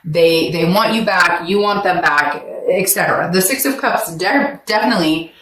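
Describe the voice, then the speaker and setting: A woman reads tarot cards in a chatty, animated way, slipping into voices for quoted lines. Her throat is sore, and the room has a noticeable echo with a faint hum of ambience behind her. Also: lowish voice, normal speed. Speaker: tarot reader. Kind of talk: casual tarot reading.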